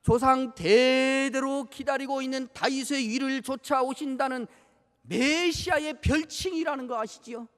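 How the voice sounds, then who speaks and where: A man's voice: extremely high pitch, unhurried, fairly bright tone. A male pastor preaching a sermon, acting out scripture scenes and asking the congregation many rhetorical questions. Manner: dramatizes scripture, acting out rebukes and pleas. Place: church sanctuary. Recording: long church hall reverb.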